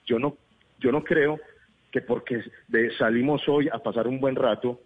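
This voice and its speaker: Husky Medellín man telling stories. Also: medium pitch, unhurried, narrow, tinny audio. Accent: Medellín Spanish. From Colombia. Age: 30s. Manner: animated storyteller, laughs often. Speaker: comedian guest. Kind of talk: casual interview chat.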